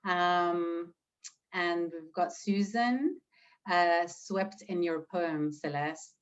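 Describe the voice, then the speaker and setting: Woman interviewer, very slow, lowish voice, dull lo-fi sound, hesitant fillers. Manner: unhurried and gentle, hesitant with fillers. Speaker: host and interviewer. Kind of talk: interview hosting, reading audience comments.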